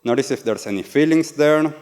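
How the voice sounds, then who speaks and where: An earnest Argentine yoga and meditation teacher with an Argentine Spanish accent gives a live talk, questioning his audience in a fairly high, brisk, slightly mellow voice. He's at an event venue, and the hall sounds reverberant.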